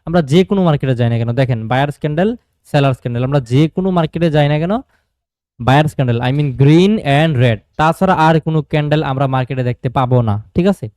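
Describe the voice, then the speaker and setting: A man's voice: fairly high pitch, quick pace, darkish tone, no echo, clean studio sound. A man with a Bangladeshi Bangla accent teaching a live online trading class, asking questions and answering them himself and mixing in English terms.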